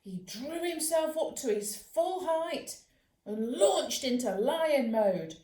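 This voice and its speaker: A woman, a children's author, reading a bedtime story aloud in a lively, expressive way. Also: high voice, takes it slowly. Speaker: children's author and dog trainer. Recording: roomy echo.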